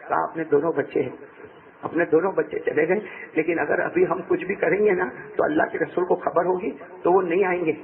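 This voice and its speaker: Man, very high voice, tinny lo-fi phone-like sound, emotional sermon, repeats phrases. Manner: rousing, repeats phrases, asks the audience questions. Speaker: preacher. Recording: tinny lo-fi narrow-band recording.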